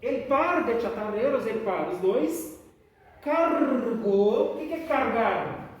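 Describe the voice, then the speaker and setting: Recorded with a distant mic in an echoey room with faint noise, a woman teaches a class. She explains patiently and frequently checks in with students, speaking in an animated, slightly high voice at a slightly slow pace.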